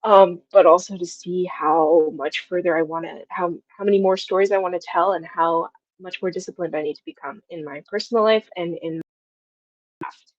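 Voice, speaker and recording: A woman in her twenties, an audio drama writer, speaks as an interview guest, reflective and casual as she feels her way through her thoughts. Her voice is on the low side with a steady tone and moderate pace. The recording is dry, with the highs cut off.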